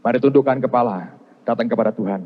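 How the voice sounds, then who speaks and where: A man's voice: mid-range voice, fast talker. A man from Indonesia preaching a sermon as pastor, telling a personal story and acting out the dialogue in it. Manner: storytelling, quoting God and others in dialogue. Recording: muffled, with long hall reverb.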